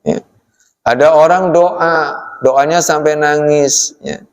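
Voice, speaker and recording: A man giving a relaxed study-circle sermon in a mosque, speaking with a tinge, often tagging his lines with "ya" and addressing the men as "Pak". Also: fairly high pitch, slow pace. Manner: folksy, addresses the audience as "Pak", frequent "ya" tags. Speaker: preacher. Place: mosque hall. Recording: long hall reverb from a mosque.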